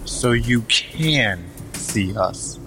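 A man's voice: mid-range voice, lively intonation, drawn-out words, noisy background. A man playing a newly dead ghost in an audio drama, questioning and uneasy.

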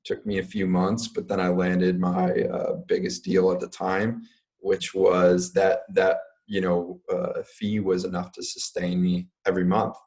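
Deep-voiced young man, casual talk. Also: flat delivery, a little slow, a little mellow. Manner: casual, many fillers like "like" and "um". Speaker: guest entrepreneur. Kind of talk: podcast interview.

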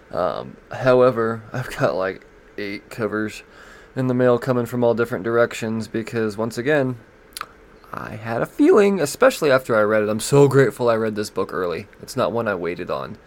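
A man's voice: on the low side, creaky. A man hosting a comics podcast, going over new releases in casual, profane, joking talk and stumbling as he reads blurbs aloud.

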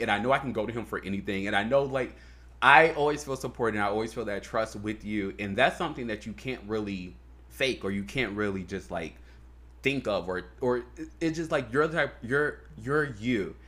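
A man's voice: medium pitch, bright, forceful tone. A man co-hosting a podcast, talking in a loose, heartfelt way, full of fillers and swearing. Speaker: podcast co-host. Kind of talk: casual chat.

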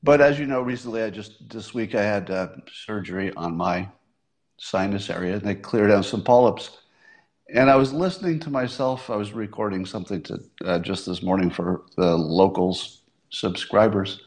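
A man's voice: fairly low pitch, moderate pace, darkish tone. A man in his sixties talking to his audience in a casual, musing monologue, with occasional self-amused laughs. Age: 60s. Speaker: livestream host.

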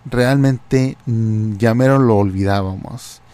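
A man with a Mexican accent voicing a calm, polite husband who speaks softly and evenly. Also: mid-range voice, slow, close to an everyday voice. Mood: sweetly polite. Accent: Mexican Spanish. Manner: calm, polite and soft-spoken. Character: calm polite husband keeping his cool.

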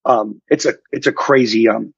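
A man with a Queens New York accent chats casually, halting and repeating himself with street-wise banter. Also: mid-range voice, steady tone, vocal fry, husky, dry recording, muffled recording. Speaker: guest. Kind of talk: casual chat.

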